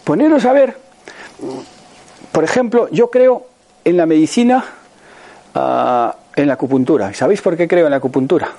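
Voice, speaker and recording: Spanish man in his sixties, motivational speaker with a high, swooping voice, talks to the room with rhetorical questions. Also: normal speed, long pauses. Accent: Spain Spanish. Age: 60s. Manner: animated, many rhetorical questions and checks like "right?". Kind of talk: motivational talk to an audience.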